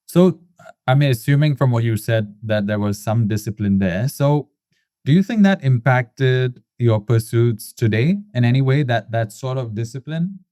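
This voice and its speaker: A man hosts an interview at a mid pitch. He asks questions haltingly, with fillers and restarts, in a dry, close recording. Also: lively intonation, mellow, dry recording. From Singapore. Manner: hesitant, with fillers. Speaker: host. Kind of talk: casual interview conversation.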